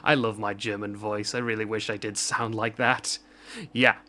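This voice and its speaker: A man's voice: fairly low pitch, level tone, moderate pace, pushed and bright. A man ranting off the cuff in a vlog, rambling and self-mocking with frequent restarts. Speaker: vlogger. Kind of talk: unscripted rant.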